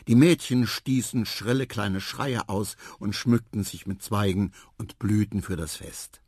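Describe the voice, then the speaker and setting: Man, storyteller, husky, dry close sound, slow gentle reading. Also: on the low side, dry recording. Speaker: narrator. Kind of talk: children's radio story reading.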